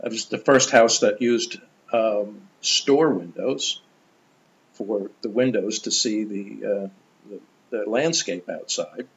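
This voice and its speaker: An older man, a guest in an interview, telling stories in an animated, enthusiastic way. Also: on the low side, slow pace, highs cut off. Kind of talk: conversational storytelling.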